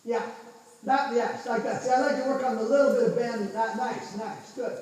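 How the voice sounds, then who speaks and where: A man's voice: very high voice, moderate pace, a little mellow. A man coaching a horse riding lesson, calling out short encouraging instructions and counts, recorded from a distance in a large indoor arena. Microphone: distant camera at the arena edge. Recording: echoey hall from far off, faint noise.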